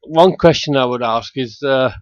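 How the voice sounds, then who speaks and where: A man chatting on a radio show over a garbled, muffled line that makes him sound underwater, speaking in a halting, hesitant way. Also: mid-range voice, no room sound. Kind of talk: casual radio chat. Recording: muffled phone line, dry.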